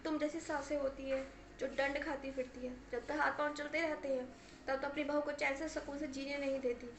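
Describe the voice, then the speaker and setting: A high, reproachful daughter's voice, as a woman acts it out in a family story, scolding her mother and hammering the same words again and again. The sound rings a little in an echoey room. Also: little pitch movement, brisk, a little hiss or hum, close to an everyday voice. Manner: reproachful, emphatic, repeating herself.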